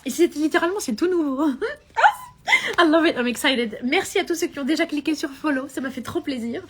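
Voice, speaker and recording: Lively high-voiced woman coaching on a live stream. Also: brisk. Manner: animated, mixes English phrases into French, frequent laughs.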